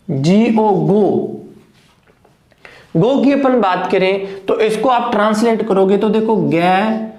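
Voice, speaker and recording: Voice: mid-range voice, a little mellow. An English teacher giving a phonetics lesson, who poses questions to the class, answers them, and often checks whether everyone has understood. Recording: echoey room.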